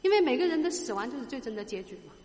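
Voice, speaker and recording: A woman's voice: high voice, sing-song, racing, darkish tone, in a large hall. A woman preaching a sermon, explaining a scripture passage with rhetorical questions to her listeners and growing emphatic on key points. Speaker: Bible teacher.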